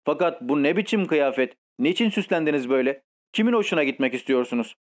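Storybook figure: a bossy, spoiled old countess who scolds and commands, read by a man in a slightly high voice. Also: animated, fast, lightly acted. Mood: scolding. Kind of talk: audiobook reading.

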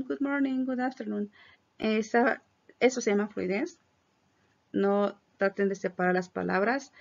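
A woman teaches English greetings and explains their pronunciation clearly, modeling each phrase slowly. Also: medium pitch. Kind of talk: classroom pronunciation lesson. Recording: dull lo-fi recording.

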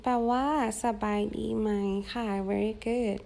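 Slow gravelly Thai-accented woman teacher. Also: on the high side, steady tone, darkish tone. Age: young adult. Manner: repeats each phrase for pupils to echo. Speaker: English teacher. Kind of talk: slow, drawn-out classroom teaching.

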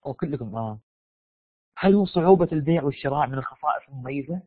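A man's voice: a little high, fast talker, no room sound. A Saudi man lecturing in a live online class, quizzing his students, sick with a sore throat. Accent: Saudi Arabian. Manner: animated, coaxes students with quiz questions. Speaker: university lecturer. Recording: dry, phone-like online lecture audio.

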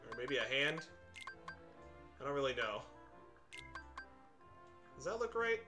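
A man's voice: medium pitch, sing-song, slow pace, music in the background. A man streaming a video game, rambling and joking through casual commentary and swearing freely.

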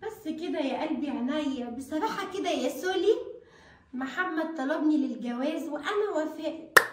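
A woman's voice: sits high, animated, a little fast, distant mic. A woman playing a smug, sly housemaid. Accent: Egyptian. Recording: echoey room, off-mic, noisy.

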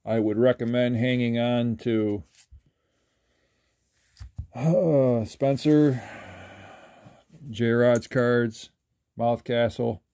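An older man talking casually while sorting trading cards, rambling with halting restarts. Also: medium pitch, mellow, smooth. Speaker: trading card collector. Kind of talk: casual card-flipping commentary. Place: indoors at a table.

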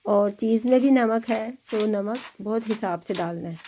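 In a rough recording with slight background noise, a woman speaks at a medium pitch and moderate pace with a mellow tone. She's a home cooking host giving a casual demo, cheerfully encouraging viewers as she works in her kitchen.

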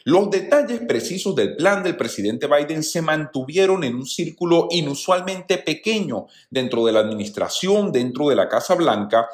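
A man's voice: a little high, lively intonation, moderate pace, few pauses. A man hosting a news channel, giving opinionated commentary in voice-over and addressing viewers as friends. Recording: roomy echo.

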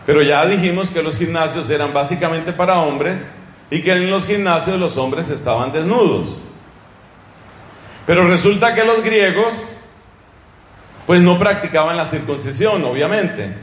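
A man preaching a sermon, teaching with rhetorical questions to his listeners in an animated way. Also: fairly high pitch, unhurried, roomy sound.

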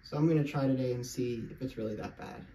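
A man's voice: mid-range voice, fast talker, background noise. A young man talks in a casual vlogging style. His voice is picked up by a slightly distant microphone in an echoey bedroom. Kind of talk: casual chat to camera and companion. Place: indoors, bedroom. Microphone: camera a short distance away. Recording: roomy sound, distant microphone.

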